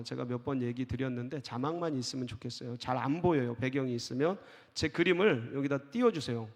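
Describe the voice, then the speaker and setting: A male pastor preaching a sermon to a congregation. He speaks with animation and at times acts out frightened cries in a loud, rising voice. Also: medium pitch, gravelly. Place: church sanctuary. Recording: church hall reverb.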